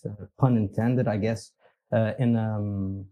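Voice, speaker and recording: Speaking slowly in a low voice with fairly even intonation, a Portuguese-accented company executive rambles easily as a guest on a casual podcast interview, sometimes chuckling at himself. The audio sounds dull.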